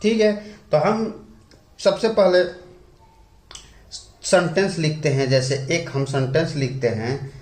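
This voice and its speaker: A man teaching English grammar in a lesson, repeating key words slowly and drawing them out. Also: fairly high pitch, a little mellow. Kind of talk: explaining at a whiteboard. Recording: echoey room.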